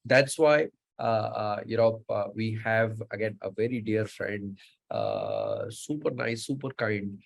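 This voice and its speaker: A man's voice: lowish voice, sing-song, takes it slowly, gravelly, low-quality recording. A man from Mumbai with an Indian English accent, hosting a live online show in casual chat, full of fillers and words said three times over. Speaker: host.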